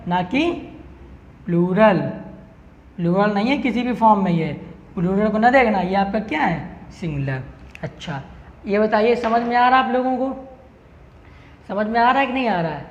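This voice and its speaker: A man's voice: high-pitched, expressive, measured pace, long pauses. A male English teacher giving an online lesson, who asks the class questions and answers them himself to drill each point. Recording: roomy echo, dull lo-fi sound, faint hiss.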